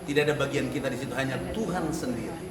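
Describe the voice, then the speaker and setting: A man teaching a church class on leading worship, lively, with rhetorical questions and frequent laughter. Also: medium pitch, rapid-fire, a crowd in the background. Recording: echoey room, mic far off, noisy.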